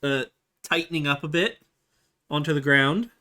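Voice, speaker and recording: A man narrating a tabletop game as game master, halting with many fillers and restarts. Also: a little high, background noise.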